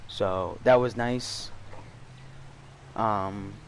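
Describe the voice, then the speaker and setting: A man's voice: lowish voice, steady tone, extremely slow, vocal fry, slight background noise. Rambling slangy young man telling a story. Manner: rambling, slangy, profane, with many fillers. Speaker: student storyteller. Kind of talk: casual storytime vlog.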